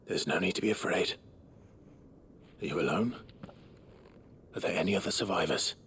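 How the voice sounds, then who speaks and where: A man playing a grave, steadfast monster-hunting warrior in a video game, with a measured, understated, resolute manner. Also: deep voice, slight background noise. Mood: calm, watchful. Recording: loud music behind.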